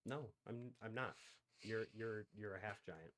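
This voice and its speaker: A man's voice: lowish voice, measured pace, fairly bright tone, a little hiss or hum. A man voicing a shrewd, curious woman shopkeeper who talks in a hurry and repeats herself. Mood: cagey.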